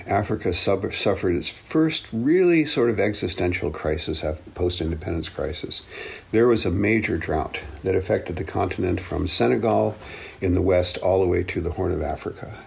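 A man in his seventies from the Belgian Congo, who speaks English and Swahili natively, looks back on his life as an interview guest and African studies professor. He speaks in a low-pitched, slightly rough voice with vocal fry, telling his personal stories earnestly and thoughtfully.

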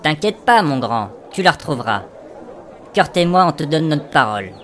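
A man's voice: on the high side, sing-song, normal speed, a bit bright, a little hiss or hum, voice pushed up. A man voicing a shriveled, toothless old man who talks in a familiar, reassuring way. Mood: teasing.

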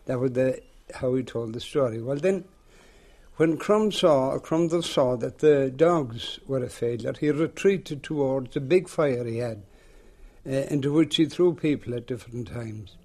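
An elderly man with a rural western Irish accent tells a tale aloud in a lilting, unhurried storyteller's way. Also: mid-range voice, darkish tone. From rural west of Ireland. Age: older, seventies or above. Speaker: local folklore teller. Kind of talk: oral storytelling in an interview.

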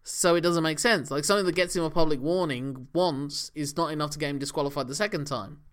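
A fast-talking man with a fairly bright voice on the high side co-hosts a podcast. He talks through wrestling matches casually, chatty and analytical, laughing often.

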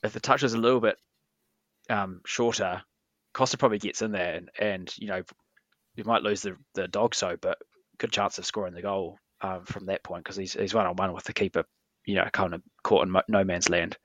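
A man's voice: sits low, fairly even intonation, brisk, a bit bright, no room sound. A man co-hosting a football podcast, speaking hesitantly with many fillers. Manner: hesitant, lots of "you know" and "um". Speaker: podcast co-host. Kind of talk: casual sports podcast chat.

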